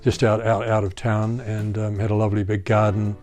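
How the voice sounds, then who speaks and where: Brief: New Zealand man in his seventies, lowish voice, warm reminiscing with ums, faint music behind. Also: level tone, brisk. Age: 70s. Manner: fond, reminiscing with fillers. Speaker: interviewee. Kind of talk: documentary interview.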